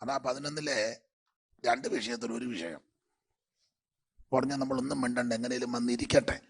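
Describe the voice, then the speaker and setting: A man preaching a sermon as pastor, his throat congested, swinging between loud emphatic passages and quiet asides. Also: mid-range voice, steady tone, moderate pace, vocal fry, breathy edge.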